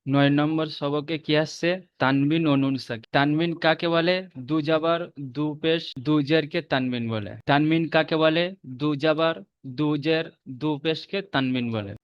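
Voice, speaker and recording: A man with a Bengali accent teaching Quran reading in a recorded online lesson, repeating rules and slowly drawing out each letter. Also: a little high, steady tone, clear, resonant tone, no room sound. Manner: slow drawn-out spelling of letters, repeats rules for memorizing. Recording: dull muffled lo-fi audio.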